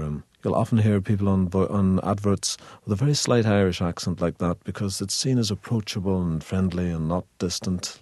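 A low-pitched, darkish voice belongs to a Manchester-born actor being interviewed casually. He comes across wry and unsure, often starting sentences over, and there's no room sound on the recording.

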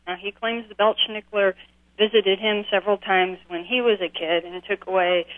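A woman's voice: mid-range voice, steady tone, normal speed, no room sound. Caller role: friendly woman on a tinny, clipped phone line, dry and close. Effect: clipped telephone line. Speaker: radio call-in caller. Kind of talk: casual call-in chat.

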